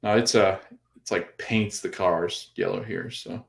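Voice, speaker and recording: A man's voice: low-pitched, fairly even intonation, unhurried, creaky. A man hosting a baseball podcast in casual chat, rambling with lots of fillers and restarts. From Florida. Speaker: podcast host.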